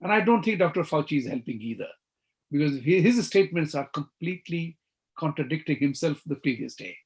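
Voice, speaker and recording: A man with an Indian English accent hosting an interview talk show, asking emphatic, animated questions. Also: a little high, brisk.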